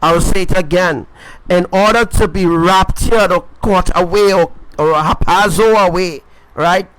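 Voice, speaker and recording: A man's voice: high-pitched, measured pace, a bit bright, smooth, no room sound, rough recording. A man preaching an informal sermon, emphatic and repetitive, often checking in with his listeners. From Caribbean.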